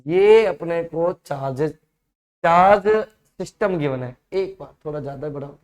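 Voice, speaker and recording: A male physics teacher with an Indian accent works through exam problems step by step in an online lesson, frequently checking that his students are following. His voice is slightly high and unhurried.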